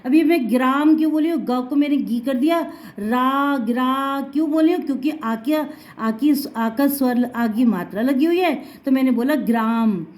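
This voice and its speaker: A woman Hindi teacher giving a lesson for children. She patiently sounds out syllables, repeats words slowly, and calls the listener "child" affectionately. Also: sits high, a little mellow.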